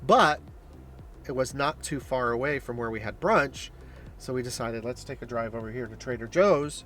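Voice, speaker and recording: A man's voice: mid-range voice, normal speed, a bit bright, faint music behind. A man chatting casually to the camera as a vlogger, upbeat and explanatory, recorded in a car and in a store. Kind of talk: casual vlog chat.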